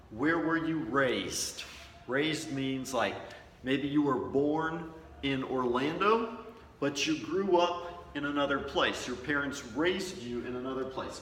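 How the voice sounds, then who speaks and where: A man gives an English lesson at a deliberately slow pace, repeating model sentences patiently. His voice is bright and forward. The recording is echoey, with a long reverb tail, picked up from a distance. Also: a little high. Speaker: English teacher. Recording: roomy echo from a distant mic.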